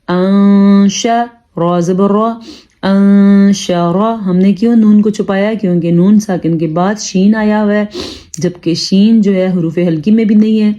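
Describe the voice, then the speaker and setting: Woman teaching Quran reading, mellow voice. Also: mid-range voice, muffled recording. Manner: explains briskly, then reads syllables slowly and deliberately; calm instructive tone, addresses listeners as "janab". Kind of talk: tajweed lesson, spelling out syllables.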